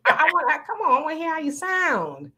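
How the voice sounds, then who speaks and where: A livestream host reads out viewer comments, chatting frankly and playfully. Her voice sits high and swoops wildly in pitch, and it sounds pushed and bright as she talks briskly.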